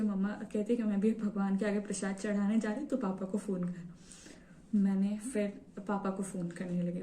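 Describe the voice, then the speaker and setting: A woman's voice: medium pitch, dark tone, far from the mic. A young woman telling her own story to camera in a casual, eager way, with many fillers. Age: young adult. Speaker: vlogger sharing her exam story. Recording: roomy echo, set back from the mic.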